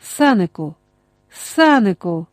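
A woman reading the lines of an older silver-mustached male Cossack who calls out warmly and loudly. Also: mid-range voice, slow pace, no echo, clean studio sound. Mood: hearty. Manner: calls out warmly, excited exclamations.

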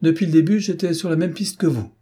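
Confident police inspector, voiced by a man, brisk, dark husky tone. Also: fairly high pitch, voice pushed up. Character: pleased, self-assured male police inspector.

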